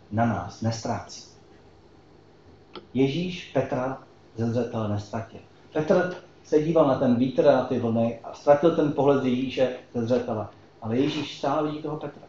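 A man's voice: mid-range voice, darkish tone, a little hiss or hum. Man preaching in an echoey hall. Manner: conversational, asks the congregation questions. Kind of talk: sermon. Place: church hall. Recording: echoey hall, slightly dull sound.

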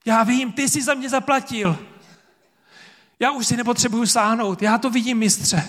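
A man's voice: very high-pitched, steady tone, fairly bright tone, in a large hall, voice pushed up. A man playing the apostle Thomas as a grown man who cries out in awed, fervent faith. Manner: fervent, exclaiming.

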